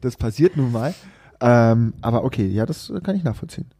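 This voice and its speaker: Mellow-voiced man hosting a casual podcast. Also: mid-range voice, lively intonation, a little fast, no echo. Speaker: podcast host.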